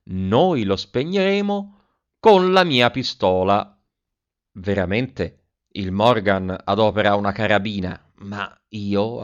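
A man narrating a first-person story in an expressive reading voice, acting out the quoted lines. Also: lowish voice, dull audio. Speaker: audiobook narrator.

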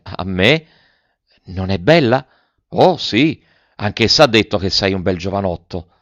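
A man reading aloud and voicing a shy, sweet young girl in a gentle, raised voice. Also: on the low side, lively intonation, a little slow, no room sound. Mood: hopeful.

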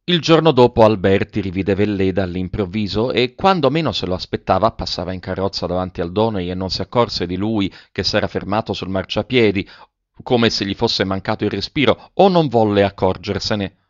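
A man narrating a novel aloud in a measured, even literary reading. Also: lowish voice, no echo. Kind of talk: audiobook narration. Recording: dull lo-fi recording.

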